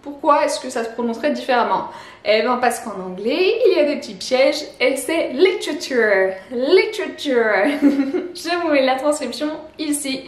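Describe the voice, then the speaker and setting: A woman teaching a pronunciation lesson, explaining slowly and repeating each word with a soft laugh now and then. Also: high-pitched. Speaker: language teacher. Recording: roomy echo.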